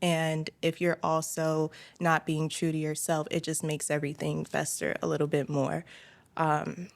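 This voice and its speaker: A young woman, a college student, offering thoughtful, measured advice in a candid group conversation. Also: low voice, monotone, vocal fry. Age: young adult.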